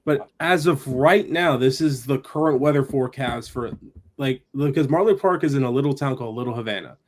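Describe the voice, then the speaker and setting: A man's voice: mid-range voice, a little fast. A man co-hosting a hockey podcast, chatting casually and reeling off stats and trivia. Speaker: podcast co-host.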